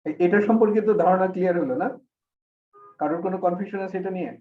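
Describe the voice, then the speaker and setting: A man's voice: high voice, racing. A man teaching an online Arabic grammar class, explaining patiently step by step. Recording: echoey, distant, phone-like call audio.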